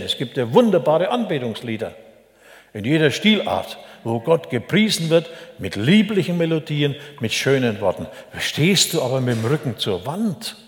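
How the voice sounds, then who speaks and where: An older man preaches in a relaxed, folksy manner, keeping his listeners close with little asides and tag questions. His voice sits at a medium pitch. It carries through a roomy hall with a long, lingering reverb. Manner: chatty, folksy, frequent "ne?" asides. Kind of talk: sermon.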